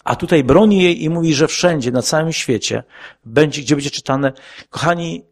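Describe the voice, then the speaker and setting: A man preaching an earnest sermon to his congregation, asking rhetorical questions and dropping his voice low for quoted words. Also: moderate pace, gravelly.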